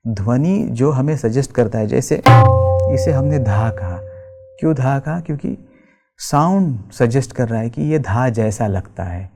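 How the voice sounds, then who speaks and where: A man's voice: medium pitch, animated, gravelly. A male tabla teacher giving a lecture, explaining terms patiently and mixing in English words. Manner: slow, explanatory, recites bols rhythmically, mixes English terms. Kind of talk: lecture with spoken tabla syllables. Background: tabla music.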